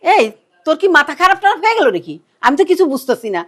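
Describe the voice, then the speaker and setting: Woman as exasperated mother, very high bright voice, scolding. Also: wildly swooping pitch, fast talker, exaggerated voice. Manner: shrill, exasperated questioning. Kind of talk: comedy TV play acting.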